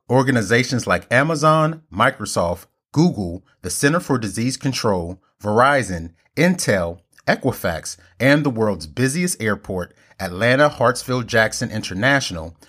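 A man hosts a podcast with a slightly husky voice. He reads his intro and asks questions in an upbeat, enthusiastic way. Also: medium pitch, a bit bright. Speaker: podcast host. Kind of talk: scripted show intro and interview.

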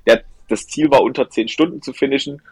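A man's voice: mid-range voice, a little fast, darkish tone, slightly rough, no echo. A young man, a guest on a podcast, telling a rambling, enthusiastic story about running, with lots of fillers and restarts. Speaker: podcast guest, ultra trail runner. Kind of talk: casual storytelling interview.

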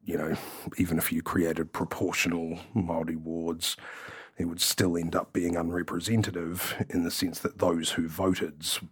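A very deep-voiced man, chatting bluntly about politics on a panel. He swears freely and often restarts his sentences mid-thought. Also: level tone, normal speed, slightly rough, no room sound. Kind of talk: casual political chat.

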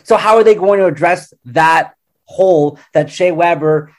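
A man's voice: a little high, unhurried. A man giving conversational sports analysis as a panel guest. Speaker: panel guest, hockey commentator.

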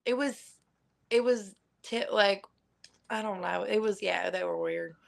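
A woman's voice: medium pitch, measured pace, vocal fry. A woman with a standard American accent in casual, comedic podcast chat, blunt and sweary, peppering her sentences with "like". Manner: blunt, profane, heavy use of "like". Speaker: podcast guest.

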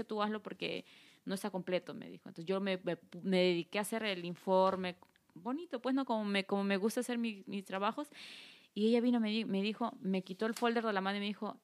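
Guest: young woman from Guatemala, casual storyteller who acts out dialogue. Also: mid-range voice. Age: young adult. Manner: animated, acts out quoted dialogue. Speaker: podcast guest.

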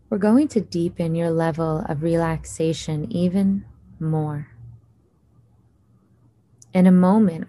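A woman leading a guided hypnosis meditation in a slow, soothing voice with long pauses. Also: fairly low pitch, mellow, no echo.

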